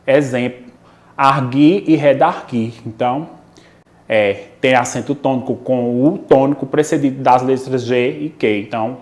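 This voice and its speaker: A man's voice: medium pitch, a little mellow. Brazilian male teacher explaining spelling rules. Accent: Brazilian Portuguese, Pernambuco. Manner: explanatory, frequent "né?" and "ok?" check-ins, drawn-out example words. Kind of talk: recorded online lesson.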